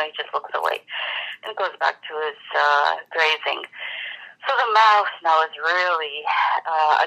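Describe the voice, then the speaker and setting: Spiritual talk, bright tone, reflective, fillers and restarts, teaching manner. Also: mid-range voice, vocal fry, poor audio. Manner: rambling, many fillers and restarts. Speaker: religious speaker. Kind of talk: spiritual talk with a told fable.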